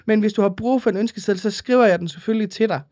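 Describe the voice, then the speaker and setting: A woman's voice: medium pitch, a little mellow. Chatty woman podcast co-host. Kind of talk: casual chat.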